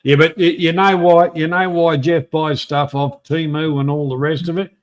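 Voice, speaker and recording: Crude teasing man, high voice. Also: fairly even intonation, normal speed. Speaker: show co-host. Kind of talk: casual chat.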